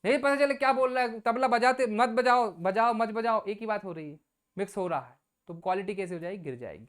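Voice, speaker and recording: A woman's voice: mid-range voice, fast. A woman teacher giving an exam coaching lecture, casually explaining with everyday examples and asking the class questions she answers herself.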